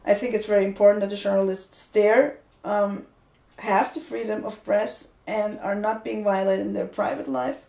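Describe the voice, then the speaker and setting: A young woman in her 20s co-hosts a podcast in a room with noticeable echo, speaking in a medium-pitched, level, creaky and mellow voice at a moderate pace. The talk is a casual discussion, and she restarts her sentences while sounding earnest and opinionated.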